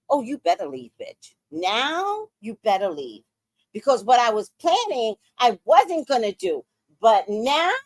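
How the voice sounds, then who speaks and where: A woman in her sixties hosts a podcast, telling a story in a casual, profane and theatrical way. Her voice sits fairly high and swings widely in pitch. The sound is dry, with no room echo. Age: 60s. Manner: animated, profane, dramatic storytelling. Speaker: podcast host.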